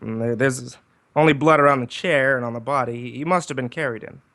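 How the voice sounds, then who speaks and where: A man takes the role of an ex-cop private eye, wry, flirtatious and full of wisecracks, in a 1940s detective radio drama performed on a livestream. His medium-pitched voice is brisk, a bit bright and close to how he'd normally talk, carrying a relaxed, inquisitive mood.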